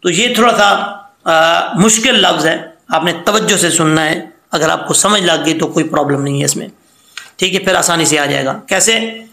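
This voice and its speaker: High-voiced slow Quran teacher, echoey room. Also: male voice, gravelly, sharp tone. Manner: patient step-by-step spelling of syllables, slowed chanted recitation. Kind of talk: Quran reading lesson.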